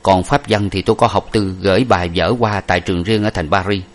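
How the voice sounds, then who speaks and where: A man voicing an earnest young masked gentleman who speaks in a grave, measured way. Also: sits low, fairly even intonation, lightly acted. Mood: solemn.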